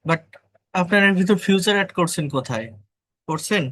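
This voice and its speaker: A man with a Bengali accent teaching spoken English in an online class, correcting pronunciation word by word and repeating words slowly. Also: high voice, lively intonation, fairly bright tone.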